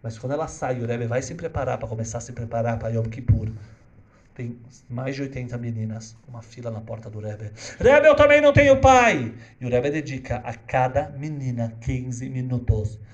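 A man telling a religious story dramatically, moving between hushed and loud. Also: medium pitch, steady tone, normal speed.

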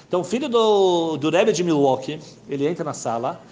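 A man telling a moral story as a religious teacher. He is earnest, repeats words for weight, and his voice sinks softly at the ends of phrases. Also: on the high side, expressive, a little fast, slight background noise. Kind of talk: storytelling sermon.

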